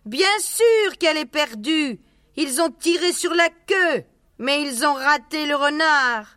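A man reading aloud and voicing a bossy farmer's wife who gives orders in a shrill falsetto. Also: lively intonation, takes it slowly, sharp tone, no echo, studio quality, heavily acted.

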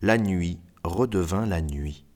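A man reading a novel aloud as narrator, steady and even in his storytelling. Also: low-pitched, takes it slowly. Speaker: audiobook narrator.

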